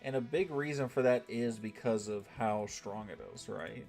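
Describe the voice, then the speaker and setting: An American man on a gaming live stream speaks at a moderate pace in a mid-range, slightly mellow voice while soft music plays. His chat is laid-back; he reads viewer messages aloud and frequently throws in "right?".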